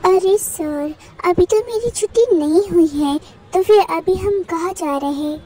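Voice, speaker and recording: A woman's voice: very high voice, measured pace, mellow, low-quality recording. A woman voicing a cute 17-year-old schoolboy who whines and pleads. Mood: whiny. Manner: whiny and pleading. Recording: music playing under the voice.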